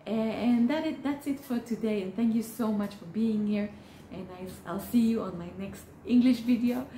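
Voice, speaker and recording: A fairly high-pitched woman, mellow and earnest, speaks to camera as a therapist giving advice; Hebrew is her first language. She stays encouraging while often halting and starting over. The sound echoes around the room with slight background noise.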